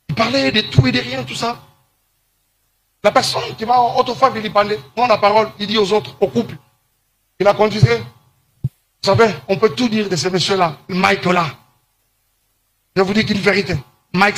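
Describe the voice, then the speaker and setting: A man from Congo giving an emphatic, preachy monologue that slows down to stress his points. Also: sits high, fairly even intonation, a bit bright, slight background noise. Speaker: commentator. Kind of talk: monologue to camera.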